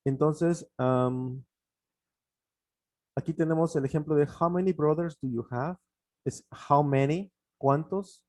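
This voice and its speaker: A native Spanish speaker, male, runs an online English grammar lesson, walking through each step, repeating examples and often pausing with fillers. His voice sits on the high side and is slightly mellow, with no echo.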